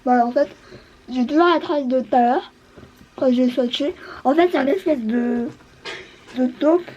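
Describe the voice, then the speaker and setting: A woman's voice: sits high, measured pace, a little mellow, dull audio, slight background noise. A woman beauty vlogger chatting casually, hesitant and full of fillers. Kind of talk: casual chat.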